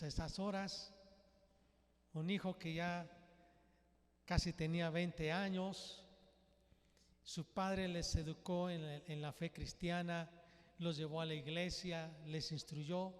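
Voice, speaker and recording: Pastor preaching in a reverberant hall. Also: male voice, on the high side, fairly even intonation. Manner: storytelling with quoted dialogue, unhurried. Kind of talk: sermon. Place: church.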